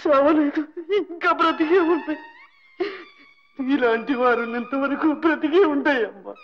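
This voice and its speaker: A man's voice: high-pitched, sing-song, unhurried. An actor playing an old ruined rich man with leprosy, humble and grief-stricken, speaking tearfully and pleadingly in a film melodrama. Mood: weeping. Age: older. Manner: tearful, pleading, speaks with rising and falling emotion. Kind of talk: 1960s Telugu film melodrama. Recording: dull old film soundtrack with faint music.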